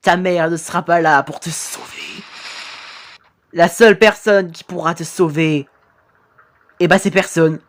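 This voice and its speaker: A woman voicing a menacing ghostly male titan with a camera head, speaking slowly, low and threatening. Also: fairly even intonation, natural voice.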